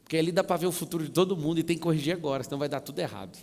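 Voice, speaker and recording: A man from Brazil telling family stories in a lively, slangy way, acting out little scenes, with echo around him. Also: a little high, racing, gravelly. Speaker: mentor speaking on a live stream. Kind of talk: storytelling talk. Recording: long reverb, echoey room.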